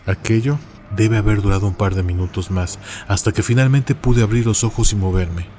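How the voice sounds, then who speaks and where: A man hosting a horror story channel, reading out a listener's tale in a measured, steady scripted narration. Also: on the low side, a little hiss or hum.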